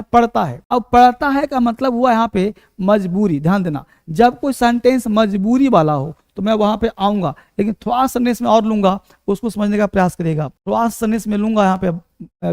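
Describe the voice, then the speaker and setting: A man with a Hindi accent, a high voice for a man, teaches spoken English in a live online lesson. He repeats example sentences over and over and keeps checking that his students are following along. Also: a little mellow. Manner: drills example sentences, coaxing students with "samajh pa rahe ho na".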